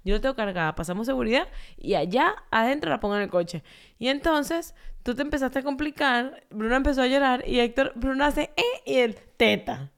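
Fast-talking, clear-voiced woman. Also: sits high. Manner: laughing, animated storytelling. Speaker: podcast co-host. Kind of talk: casual chat.

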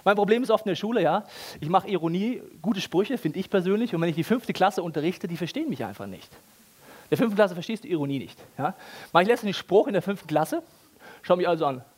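Animated, ironic German preacher. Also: male voice, sits high, fast talker, slightly rough. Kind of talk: sermon.

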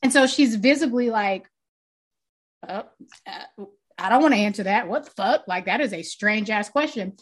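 A young woman co-hosts a music podcast, chatting casually close to a desk mic. She talks loosely with lively intonation at a moderate pace, swears freely, laughs often, and describes her own voice as pitchy and a little grating.

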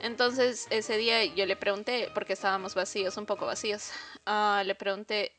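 A young woman, a podcast guest, telling a personal work story in an animated, casual way, full of fillers and asides to her listeners. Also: medium pitch, normal speed, faint music behind.

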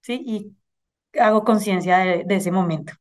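A middle-aged woman with a Colombian Spanish accent, speaking as an interview guest in an earnest, animated way and often checking in with "¿sí?". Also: mid-range voice, moderate pace. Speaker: finance director, guest. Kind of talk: casual conversational interview.

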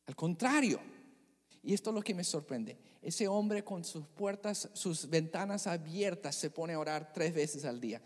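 A pastor preaching a sermon in a church, expressive and dramatic, asking the congregation questions. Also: medium pitch, a little slow. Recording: long church hall reverb.

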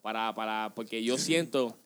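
A man's voice: lowish voice, normal speed, clean tone. A young man hosting a podcast in casual chat, rambling and mixing in English phrases. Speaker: podcast host.

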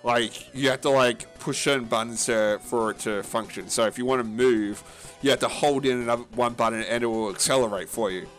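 A man co-hosting a casual gaming podcast, talking in a rambling, halting way full of fillers and restarts, with a casual, profane manner. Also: mid-range voice, steady tone, a bit bright, soft background music. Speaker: podcast co-host.

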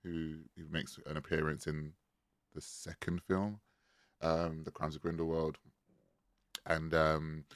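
A man's voice: very deep voice, flat delivery, unhurried, no room sound, clean studio sound. A man hosting a casual film discussion, hesitating often with lots of filler words like um and like. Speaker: podcast host.

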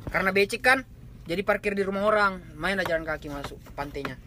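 Male storyteller, casual horror-podcast chat, high quick voice, repeats himself. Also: background noise. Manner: rambling, slangy, repeats himself while describing. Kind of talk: casual chat, telling a camping ghost story.

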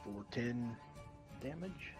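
A man playing a tabletop game, talking quietly and matter-of-factly, his voice muffled by a bad mic as if heard through a wall. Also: mid-range voice, animated, slow pace, music in the background. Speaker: player. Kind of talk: casual tabletop game play. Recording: muffled, distant online call audio.

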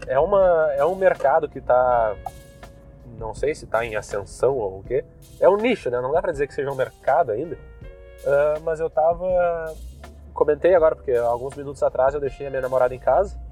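Sitting in his car, a young Gaúcho man from southern Brazil hosts a podcast in a casual ramble full of slang and fillers. His mid-range voice has a dark tone, lively intonation and a brisk pace, with faint music in the background.

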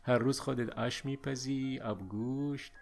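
A man voicing a kindly, gruff middle-aged village man in a narrated audio story, speaking slowly and coaxingly. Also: mid-range voice, fairly even intonation, darkish tone, soft background music, lightly acted. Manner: slow, coaxing promises.

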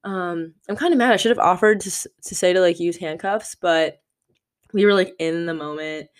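A woman's voice: on the low side, moderate pace. Frank, rambling young woman podcaster. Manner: candid, rambling, frequent "like" fillers. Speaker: podcast host. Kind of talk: solo podcast chat.

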